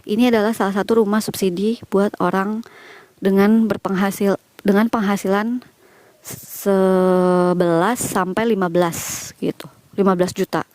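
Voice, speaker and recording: A woman's voice: mid-range voice, steady tone, moderate pace, a little mellow, no echo. A young Indonesian woman chatting casually as she walks outdoors and answers viewers' questions. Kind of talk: casual chat while walking. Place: outdoors walking through a quiet village.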